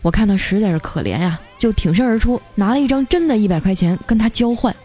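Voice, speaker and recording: A sulky, down-on-his-luck young office man, played by a woman narrator grumbles in a self-pitying way. His voice stays at an ordinary middle pitch. Faint music runs beneath the story. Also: animated, quick pace, dark tone, close to an everyday voice. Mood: aggrieved.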